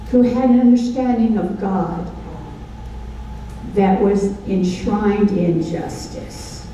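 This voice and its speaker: An older woman with a warm, medium-pitched voice preaches a Bible study sermon from a lectern on a large dark stage, holding a handheld mic. She asks the audience questions in call-and-response fashion and preaches emphatically. The recording is distant in an echoey hall, with faint ambience and slight background noise.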